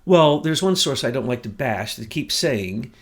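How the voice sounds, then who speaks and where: A man co-hosting a political talk show, speaking in an indignant, emphatic way that rises to near shouts. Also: mid-range voice, animated, moderate pace. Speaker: podcast co-host. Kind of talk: heated political commentary.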